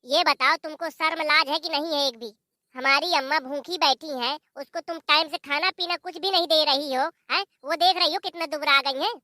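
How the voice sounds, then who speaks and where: A woman's voice: sits high, moderate pace, bright, forceful tone. A woman voicing a fiery young married daughter in a village cartoon, scolding in a confrontational tone with a Bundelkhandi Hindi accent. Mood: indignant.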